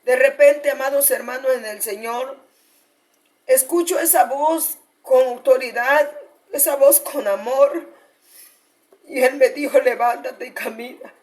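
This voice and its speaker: A woman pastor preaches a fervent testimony in a slightly high voice. She keeps turning to the congregation to call them beloved brothers and sisters in the Lord. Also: a little slow, long pauses, a little mellow. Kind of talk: sermon testimony.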